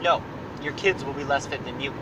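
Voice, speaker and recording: A man in a casual podcast chat with his brothers, explaining a fact in a matter-of-fact, halting way. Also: medium pitch, lo-fi sound. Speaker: podcast co-host. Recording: distant mic with background noise.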